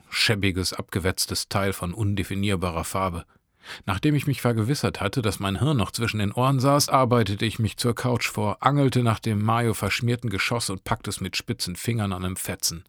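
A man's voice: on the low side, moderate pace, a bit bright, no echo, studio quality. A man reading a short story aloud, narrating in a sardonic, crude first-person voice.

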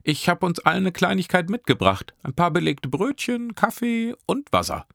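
A sunny young woman with a bright voice, put on by a male reader. She talks with a beaming, friendly lilt, far higher than a deep voice would sit. The sound is dry and close in a storybook reading. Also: huge pitch swings, moderate pace, vocal fry, dry recording, full character voice. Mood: cheerful. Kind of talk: audiobook character voice.

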